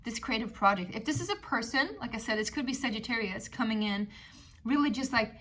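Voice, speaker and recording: A woman whose first language is Swedish, speaking with a Swedish accent, gives a casual tarot reading, rambling and chatty, packed with fillers and frequent laughter. Her voice is a little high, brisk and fairly bright, with lively intonation.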